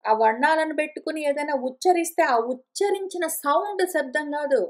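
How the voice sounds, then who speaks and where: A woman giving a conversational scripture lesson, repeating and rephrasing her points and slowing down to recite verses. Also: sits high, lively intonation. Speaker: teacher of scripture. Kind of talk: explanatory spoken lesson.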